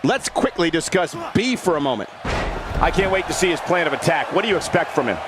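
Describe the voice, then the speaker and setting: A man's voice: a little high, expressive, a little fast, heavy background noise. A man giving sports commentary as a wrestling commentator.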